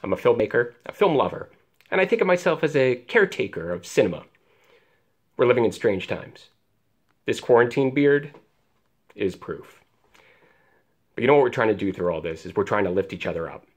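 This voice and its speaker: A man's voice: medium pitch, big pitch swings, a little fast, long pauses. An American man, a filmmaker hosting and presenting to viewers in a scripted style. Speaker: host, filmmaker.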